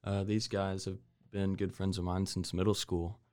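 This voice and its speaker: A man from Waco, Texas speaks as a guest in a casual chat, his voice sitting very low. He talks in an easygoing, unhurried way, pausing often with fillers. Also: level tone, a little mellow, no room sound, clean studio sound. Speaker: guest, painter.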